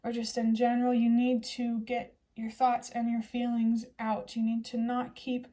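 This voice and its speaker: Mellow, even-toned young woman. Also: on the high side, normal speed. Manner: gentle, reassuring, chatty. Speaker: tarot reader. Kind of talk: casual tarot reading to camera.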